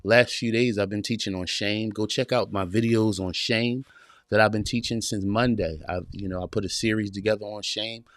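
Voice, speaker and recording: Forties guy live streaming from home, lowish voice, dry close sound, repeats himself like a preacher. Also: steady tone, moderate pace, no room sound. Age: 40s. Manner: warm preacher-like rhythm, repeating phrases, greeting viewers. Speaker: podcast host. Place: small home room.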